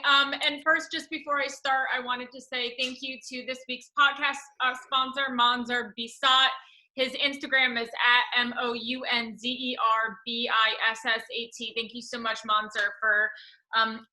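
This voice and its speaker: A woman with a high, strikingly bright and forward voice hosts a casual podcast chat. Her manner is informal and effusive, with loose conversational phrasing. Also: flat delivery, normal speed, reverberant, rough recording. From Westchester, New York. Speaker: podcast host.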